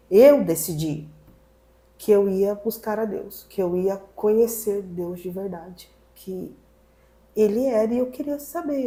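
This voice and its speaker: A woman pastor telling her personal testimony in a podcast conversation, animated and acting out what people said. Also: medium pitch. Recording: roomy echo.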